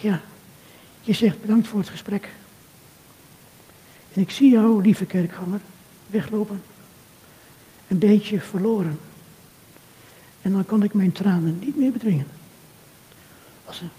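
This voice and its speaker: An older man giving an earnest, measured sermon talk, speaking directly to a churchgoer. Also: sits high, dark tone. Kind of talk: reflective sermon talk addressed to a listener. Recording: long reverb of a hall.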